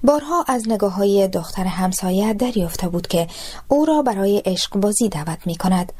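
Calm woman reading a story in Afghan Dari. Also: fairly high pitch. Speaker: narrator. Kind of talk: audiobook narration of a short story.

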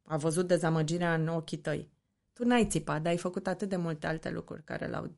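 A woman's voice: on the low side, creaky. A woman from Romania, a mother, talking earnestly and reflectively as an interview guest. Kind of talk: candid interview talk.

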